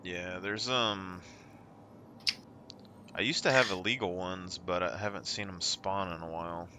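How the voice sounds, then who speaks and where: A man streaming a game chats with a friend in an easygoing, rambling way, his low-pitched voice fairly even and a little slow. Noisy game audio sits behind him, including game sounds and ship ambience.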